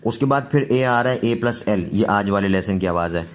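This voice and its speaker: A man teaching English pronunciation, explaining rules patiently and repeating each word slowly. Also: fairly low pitch. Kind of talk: slow pronunciation lesson.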